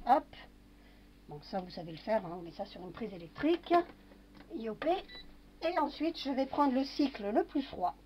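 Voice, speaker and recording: A woman's voice: fairly high pitch, animated, moderate pace, long pauses, slight background noise. Chatty woman demonstrating in a kitchen. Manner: chatty, narrates each step with little fillers. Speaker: home cooking vlogger. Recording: dull lo-fi home recording.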